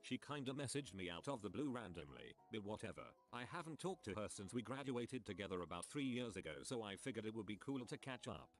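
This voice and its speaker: A man reading posts aloud for a reaction video in a flat, matter-of-fact way. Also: on the low side, fairly quick, few pauses. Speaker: reader of online posts.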